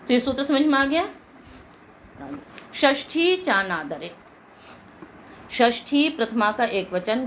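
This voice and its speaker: A woman with a Hindi accent and a slightly high voice teaches Sanskrit grammar, patiently explaining the rules. She poses questions to the class and then answers them herself. The recording is rough, with a little hiss or hum.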